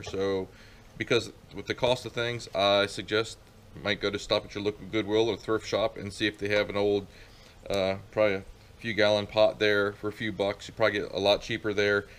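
Speaking in a fairly low, slightly bright voice, a middle-aged beekeeper demonstrates a chore outdoors in a casual, rambling way, full of fillers and restarted sentences. A camera mic in a farmyard catches him, along with faint outdoor ambience and a little hiss or hum.

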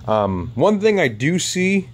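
A man's voice: a little high, sing-song, slow pace. A man walking through a model airplane kit in a casual, rambling way with lots of ums, talking while he handles the parts. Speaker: RC hobbyist showing a flying wing kit. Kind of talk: casual hands-on walkaround.

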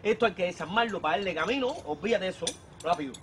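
An actor playing a brash, streetwise bicycle thief in a Cuban TV police drama, talking with a Cuban accent. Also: male voice, high voice, racing, background noise, close to an everyday voice.

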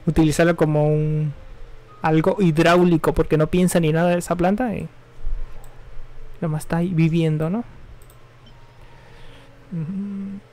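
Young man, slightly high voice, offhand slangy rambling, live game stream chat. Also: fairly even intonation, moderate pace, pauses often, a little mellow. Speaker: gaming streamer. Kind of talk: casual live-stream chat while gaming.

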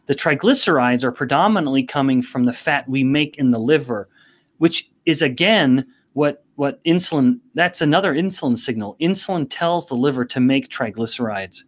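A man speaking as a guest on a podcast interview. He explains in a measured, careful way at an ordinary pitch. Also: animated. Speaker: guest expert.

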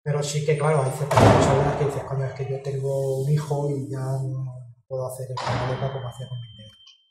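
A woman, talking in a casual interview. She speaks frankly, swears and gets animated when she tells stories. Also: a bass voice, brisk, heavy background noise. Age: 50s. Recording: roomy, distant mic with music behind.

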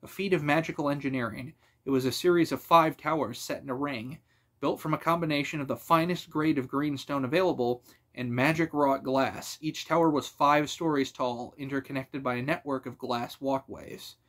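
Male narrator for a fantasy audiobook, steady and even, mid-range voice. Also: mid-range voice, moderate pace. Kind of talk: fan audiobook reading.

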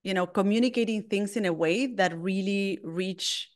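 A middle-aged woman with an Argentine Spanish accent speaks in English, her second language. Her voice is smooth and clear. She answers reflectively, pausing on ums and restarting phrases as she thinks. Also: mid-range voice. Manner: thoughtful, frequent restarts and ums. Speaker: guest, lettering artist.

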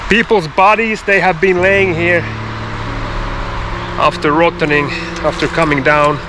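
In woods next to a road and railway, a slow-talking man vlogs his hike to a handheld camera at arm's length, with background noise around him. His voice is on the high side and steady in tone, and he tells stories conversationally, full of fillers and spooky asides.

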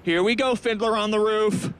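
A young man hosting a loud comic street quiz show, brash and mocking, talking into a handheld mic on a busy city street. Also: sits high, fairly even intonation. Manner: brash, mocking, rapid-fire. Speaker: street game show host. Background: traffic and street ambience.

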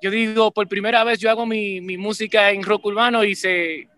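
A man in his forties with a Caribbean Spanish accent, from Puerto Rico and the Dominican Republic, appears as a band leader and musician guest in a relaxed interview over a video call webcam. His high-pitched voice holds a moderate pace. He talks animatedly, restarts frequently, and repeatedly says "¿me entiendes?"

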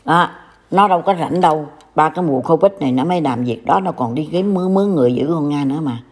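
This is an older Vietnamese woman with a Southern Vietnamese accent, speaking low and fast as a commentator in a casual online talk. She scolds, warns, and sounds reproachful.

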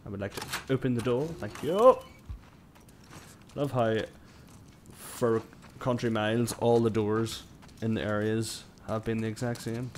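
A man's voice: lowish voice, level tone, moderate pace, darkish tone, a little hiss or hum. A young man doing casual gameplay commentary, rambling to himself with crude jokes. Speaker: game streamer. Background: game music and sound.

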